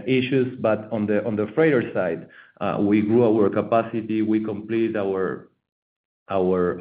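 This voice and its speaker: A man presenting company results over a conference call line that keeps cutting out, talking in a halting way and often repeating his words. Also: lowish voice. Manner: halting, stumbling delivery with many repeated words. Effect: heard over a conference call line that keeps cutting out. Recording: echoey, tinny phone-like call line.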